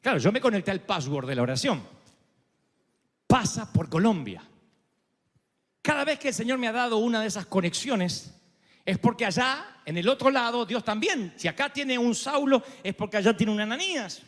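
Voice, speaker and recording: A man's voice: extremely high pitch, fairly quick. A middle-aged Argentine man preaching a storytelling sermon, theatrical and joking as he acts out the people in his story. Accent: Argentine Spanish. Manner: animated and theatrical, acting out quotes and joking. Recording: long hall reverb.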